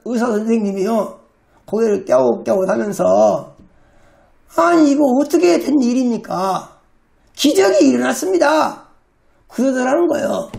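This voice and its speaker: A pastor giving an emphatic healing sermon, acting out quoted commands with shouts. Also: medium pitch, vocal fry.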